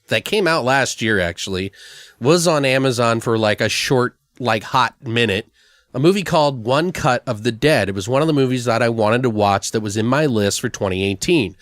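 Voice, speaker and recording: A podcast co-host chats casually about horror film news, running through the entertainment stories in an informal, slangy, sweary way. His medium-pitched voice is animated and a bit bright, at a normal speed, with studio-quality sound and no room echo.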